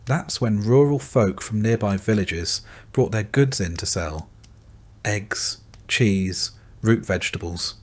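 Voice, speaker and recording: A man narrating a scripted bedtime story in a calm, gentle second-person voice. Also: lowish voice, slightly rough.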